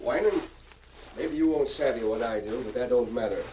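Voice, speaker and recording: An actor playing a scheming, bossy outlaw boss who taunts in folksy western slang, in old-time radio style. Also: male voice, medium pitch, moderate pace, dark tone, natural voice. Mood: smug threatening. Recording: dull, hissy old radio recording with clicks.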